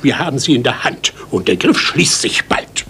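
An actor playing a pompous, blustering, harried police inspector in an audio drama. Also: male voice, medium pitch, very animated, moderate pace, pushed and bright, slight background noise. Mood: pompous, coaxing. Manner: pompous, blustering, hesitant when asking. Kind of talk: German audio drama acting.

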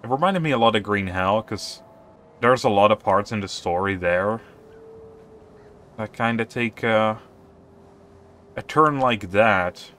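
A man's voice: fairly low pitch, measured pace, pauses often, a bit bright, slight background noise. A man giving casual, offhand commentary while playing a survival video game. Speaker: gaming youtuber.

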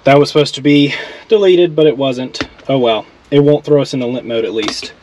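A man with a mid-range voice talks fairly quickly through a casual how-to on his car build, recorded with a little hiss or hum. The vlogger explains each step as he works in the garage and inside a truck, keeping it relaxed and laughing at his own mistakes.

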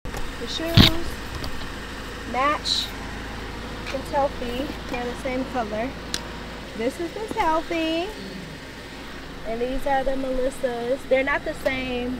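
A woman's voice: high-pitched, takes it slowly, pauses often, noisy background. Chatty woman vlogging from her car. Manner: chatty, rambling, swears casually. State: tearful. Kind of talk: casual vlog talk. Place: parked car, then outdoor parking lot.

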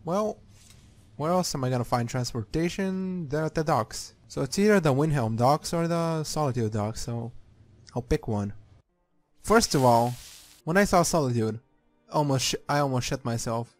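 A man's voice: on the high side, animated, moderate pace. A man giving casual, sweary playthrough commentary, reacting aloud as he plays a game. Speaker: gamer. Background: game music.

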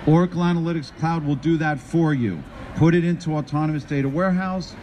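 A man's voice: on the high side, brisk, a little mellow. Man presenting on a show floor. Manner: upbeat, addresses the crowd with questions. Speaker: conference presenter. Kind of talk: live tech presentation to an audience. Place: trade show floor stage. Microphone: handheld mic. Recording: faint show-floor noise.

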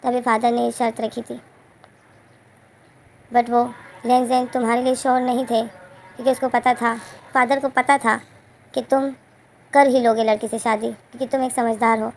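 Gravelly woman retelling a story. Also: fairly high pitch, little pitch movement, moderate pace, pauses often, a little mellow, slight background noise. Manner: rambling, self-correcting.

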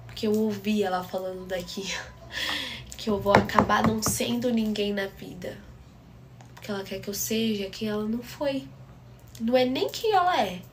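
A woman's voice: medium pitch, a little hiss or hum. A young woman tells a personal family story with intensity and drama, often speaking directly to her listeners.

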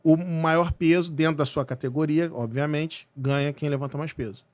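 A man from Brazil, telling a personal story as a podcast guest, animated and full of restarts. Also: on the high side, moderate pace, dry recording. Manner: animated, many restarts and repeated words. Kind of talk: casual storytelling.

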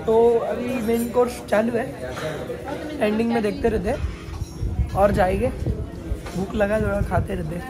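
A man's voice: high-pitched, fairly even intonation, normal speed, long pauses. Teen boy vlogging in a noisy restaurant. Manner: chatty, gives scores out of ten. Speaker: vlogger reviewing food. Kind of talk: casual food review vlog. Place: busy indoor restaurant. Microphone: handheld phone camera. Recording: loud crowd noise behind.

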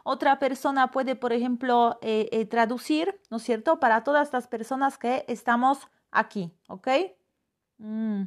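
A woman's voice: on the high side, measured pace. A woman teaches a live online Polish lesson. She drills phrases aloud and greets her viewers.

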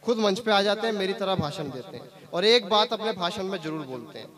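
A man's voice: high voice, fairly quick. A young man performing comic poetry patter on stage, chatty and teasing, forever assuring the crowd he is telling the truth, through a stage microphone at a live gathering. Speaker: stand-up poet. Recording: lively crowd reacting behind.

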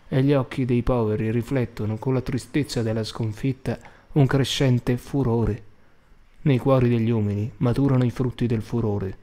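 Mellow-voiced male audiobook narrator. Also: mid-range voice. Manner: measured, somber. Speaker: audiobook reader.

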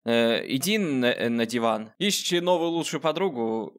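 A man's voice: mid-range voice, lively intonation, normal speed. A man hosting a gaming video with casual joking commentary, sarcastic and talking directly to the game character.

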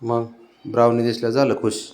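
A man's voice: medium pitch, flat delivery, brisk, a little mellow, clear, resonant tone. A man chatting to his pet cat in a coaxing, teasing way, repeating questions and chuckling often. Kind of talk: casual baby-talk to a pet.

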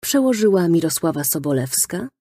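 A woman narrating a children's storybook in a lively storytelling manner, recorded close in a studio. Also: on the low side, normal speed, husky, dry recording. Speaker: audiobook narrator.

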